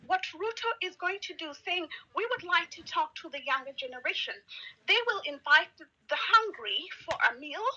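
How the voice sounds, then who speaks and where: A woman's voice: extremely high pitch, animated, normal speed, bright, forceful tone. A woman from Kenya, living abroad, speaking angrily and emphatically as a caller in a live audio discussion. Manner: angry, indignant, emphatic. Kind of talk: impassioned political commentary. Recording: lo-fi call audio.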